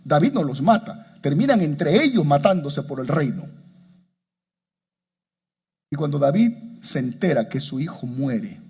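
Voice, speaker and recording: Male pastor, husky tone, fairly high voice, impassioned sermon delivery with repeated exhortations. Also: expressive, darkish tone. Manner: impassioned preaching, rises high and slows for emotional quotes; addresses congregation directly with repeated exhortations.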